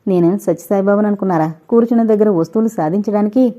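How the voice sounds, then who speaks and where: A woman's voice: mid-range voice, fast talker, warm tone, lo-fi sound, close to an everyday voice. A woman voicing a playful, affectionate young husband in an audiobook. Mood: teasing. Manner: playful, teasing.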